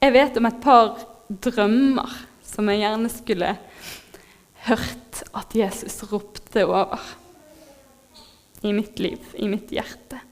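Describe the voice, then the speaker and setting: A woman preaching a sermon in a heartfelt, moved way, pausing with fillers as she speaks. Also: medium pitch, fairly even intonation. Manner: heartfelt, moved, laughs softly, pauses with fillers.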